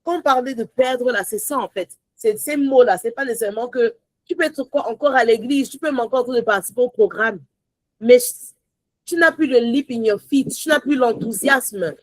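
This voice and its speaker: A woman teaching a sermon with great animation, slipping English phrases into her French and swinging from shouts to soft whispers. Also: on the high side, normal speed, dry recording, low-quality recording. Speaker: prayer teacher.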